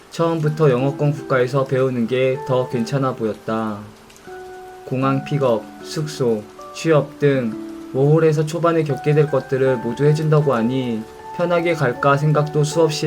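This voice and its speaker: A young man narrating a scripted reflection in a calm, introspective way. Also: medium pitch.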